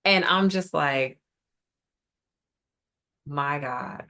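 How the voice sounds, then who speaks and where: A woman's voice: low voice, drawn-out words, pushed and bright, smooth. A woman leading a writing group over a video call, effusive and affirming, often calling people sis. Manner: frequent murmured mm-hmms while listening. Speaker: writing course facilitator.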